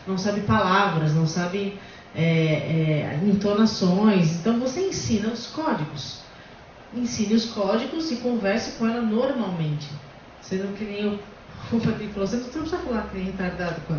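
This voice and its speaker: A woman's voice: mid-range voice, animated, moderate pace, darkish tone, a little hiss or hum. A woman hosting a casual discussion, explaining bluntly and emphatically. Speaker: host. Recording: echoey, distant, dull lo-fi room.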